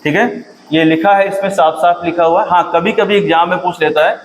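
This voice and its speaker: A man teaching an exam-prep lesson, repeating key facts, asking his students questions and often clearing his throat. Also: high-pitched, fairly even intonation, a little fast, a little hiss or hum, rough recording.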